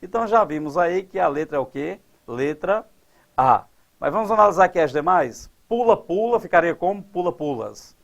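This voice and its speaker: A man teaching grammar at a board, quizzing his class and drawing out example words slowly. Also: a little high, expressive, creaky, muffled recording. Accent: Brazilian Portuguese. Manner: didactic, asks the class questions and answers them.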